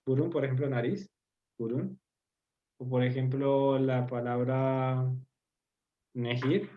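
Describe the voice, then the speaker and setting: A male teacher leads an online group lesson over a video call, his mid-pitched voice coming through dull and lo-fi. He explains patiently, pausing with fillers and often checking in with the class. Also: fairly even intonation. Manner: patient, explaining, checks understanding with tag questions; hesitant, many fillers. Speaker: Turkish teacher.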